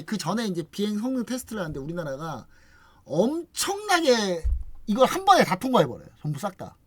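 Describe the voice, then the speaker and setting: An investment channel host explains things casually, telling it like a story and acting out what other people say. He is a lively, chatty storyteller who throws in frequent rhetorical questions, speaking in a mid-range voice on a dry recording.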